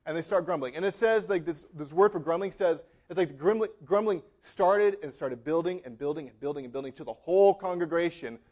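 A man's voice: fairly high pitch, fairly quick, hardly any pauses, a little mellow. A man preaching a sermon in a conversational, joking way with an American accent, often tossing in "right?" and acting out quotes. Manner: conversational preaching, frequent asides of "right?" and laughter. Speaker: pastor.

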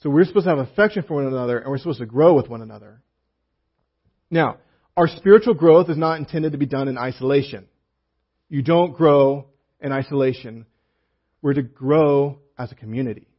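Husky-voiced man preaching a sermon. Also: mid-range voice, fairly quick, muffled recording. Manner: reads scripture aloud, then explains it with casual asides and humor. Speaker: pastor.

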